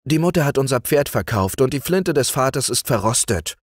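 A man's voice: medium pitch, expressive, brisk, dry recording, clean studio sound, pitched above the performer's own voice, lightly acted. A man reading aloud voices a restless young village lad, eager and pleading. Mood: yearning.

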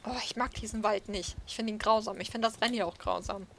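A woman's voice: mid-range voice, fairly even intonation, fast talker, fairly bright tone, a little hiss or hum. A woman giving casual, playful commentary while she plays a horse-riding game, talking to herself. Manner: chatty self-talk, playful. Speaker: let's play host.

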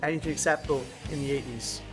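A man's voice: a little high, steady tone, fast talker. A man in his twenties, a professional wrestler giving a promotional interview to camera. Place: indoor community centre room. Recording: loud music bed under speech.

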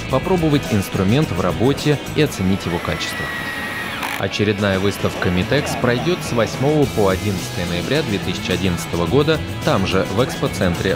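A man with a fairly low voice reads a scripted voice-over in a measured, formal announcer style. Loud music plays underneath him the whole time. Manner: formal, even announcer delivery. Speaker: narrator.

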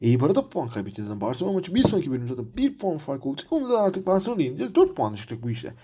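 A man's voice: fairly high pitch, wildly swooping pitch, rapid-fire, warm tone, breathy edge. A man commentating his football manager game career, frustrated and ranting, repeating himself. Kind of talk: let's-play commentary.

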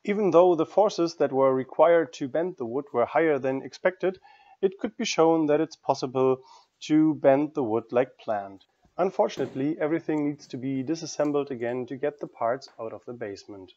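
A man narrating a scripted woodworking tutorial in an even, matter-of-fact way. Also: fairly high pitch, normal speed, muffled recording. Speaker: woodworking channel host.

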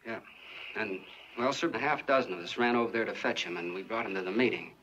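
An actor playing a folksy small-town soda jerk who tells a long, earnest, rambling story in 1940s film style. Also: male voice, lowish voice, fast, lightly acted. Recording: muffled, hissy 1940s film soundtrack.

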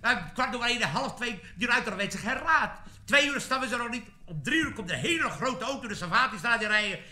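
A man with an Amsterdam accent telling jokes on a live stage, animated and laughing often as he slips into character voices. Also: very high-pitched, fairly quick. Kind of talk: stand-up joke telling on a live record. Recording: echoey 1950s vinyl recording.

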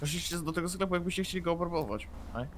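A man's voice: a little high, racing. A man in a game roleplay, talking in a cocky, dismissive way. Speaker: roleplay player. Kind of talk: in-character game roleplay banter.

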